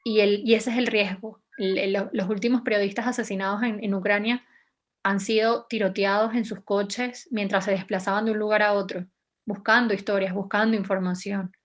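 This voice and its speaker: A young Venezuelan woman appears as a journalist guest in an interview, speaking at an ordinary middle pitch in a steady tone. Reflective and hesitant, she pauses, uses fillers and restarts often as she thinks through her answers.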